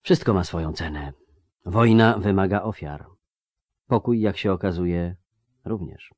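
Grave elf queen, slow and resigned, voiced by a male narrator. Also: deep voice, darkish tone, no room sound.

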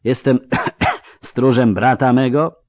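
A man voicing a sick, elderly male court clerk who stays calm and polite, often clearing his throat and coughing. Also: medium pitch, slow, no room sound, studio quality, pitched above the performer's own voice, lightly acted. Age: older. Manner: mild, polite, quietly defiant.

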